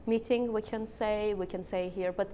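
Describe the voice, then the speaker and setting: A woman with an Azerbaijani accent giving political interview answers, haltingly searching for words as she explains. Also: fairly even intonation, warm tone. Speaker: interviewed analyst. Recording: rumbling background noise.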